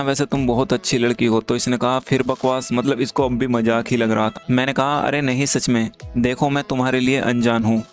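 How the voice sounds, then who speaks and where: A man hosting his channel, walking through a screen-recorded chat and reading the messages aloud in a steady, even way. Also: mid-range voice. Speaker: channel host. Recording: faint background music.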